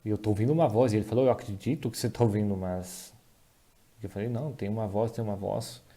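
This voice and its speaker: A man giving a dubbed voice-over of a personal testimony, talking in a halting way with restarts and self-corrections. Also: on the low side, warm tone. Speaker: voice-over interpreter dubbing a testimony.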